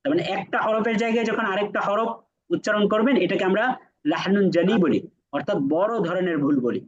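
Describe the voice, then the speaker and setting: A man with a high voice gives a Quran lesson, calmly explaining and repeating letter sounds so his students can compare them. The sound is muffled and lo-fi. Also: quick pace. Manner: asks students rhetorical questions. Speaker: Quran teacher. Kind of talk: classroom lesson.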